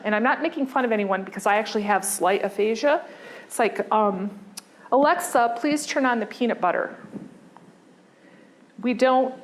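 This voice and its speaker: A woman with a medium-pitched voice gives a conversational lecture on design, often pausing, using fillers and restarting her sentences. There is slight background noise.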